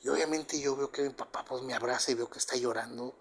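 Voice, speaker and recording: This man's medium-pitched voice is fast, fairly even in intonation and a bit breathy. With a Mexican accent, he rambles through a true story about himself, full of fillers such as "pues" and the tag "¿verdad?".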